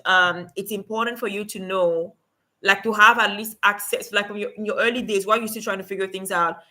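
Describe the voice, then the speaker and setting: A woman's voice: mid-range voice, pushed and bright. A woman from Cameroon hosting a casual livestream, giving remote work advice and chatting with viewers, with many fillers.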